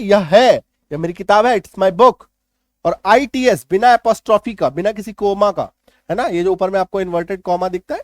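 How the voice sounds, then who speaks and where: A man teaching English vocabulary in a patient, step-by-step way, stopping often to check understanding. His voice sits high for a man. The sound is dry and close, with no room around it. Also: dry recording. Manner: patient explaining, repeats checks like "clear?". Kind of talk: Hindi-language English vocabulary lesson.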